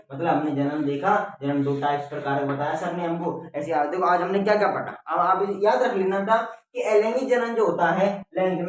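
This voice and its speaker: A man with a somewhat high voice teaches biology in a very echoey classroom, recorded from a distance. He repeats key points and keeps checking that the students follow, calling them "beta". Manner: repetitive, checks with "theek hai?". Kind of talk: classroom-style lecture. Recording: very echoey room, mic far off.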